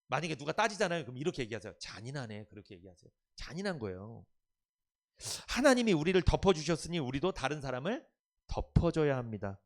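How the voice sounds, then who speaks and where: Male pastor preaching; slightly high, animated delivery with sweeping pitch, emphatic, quizzes the flock. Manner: emphatic, questions and coaches the congregation. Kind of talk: Sunday afternoon sermon.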